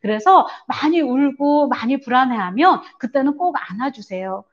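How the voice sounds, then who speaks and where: Animated woman lecturing parents. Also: sits high, normal speed, highs cut off. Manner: earnest, explaining, many fillers; acts out parents' lines in a raised voice. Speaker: parenting seminar speaker. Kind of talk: church parent seminar lecture.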